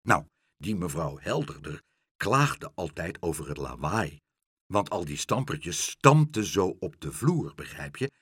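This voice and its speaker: A man voicing a boisterous, hospitable father in a children's story, talking loudly and heartily. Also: low voice, big pitch swings, husky, dry recording, clean studio sound, voice pushed down, exaggerated voice. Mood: chatty. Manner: loud, hearty and hurried.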